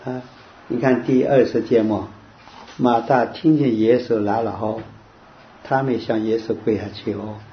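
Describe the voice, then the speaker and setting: A man leading an informal Bible study, quizzing his listeners and quoting verses in a slow, drawn-out way. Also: mid-range voice, fairly even intonation. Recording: dull lo-fi with faint hiss.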